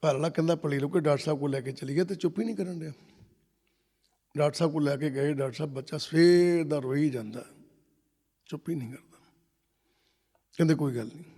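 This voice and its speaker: A man's voice: fairly high pitch, darkish tone. A man preaching a sermon, telling stories and acting out the dialogue of the people in them. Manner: storytelling, acts out dialogue in quotes. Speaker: Sikh preacher. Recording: long hall reverb.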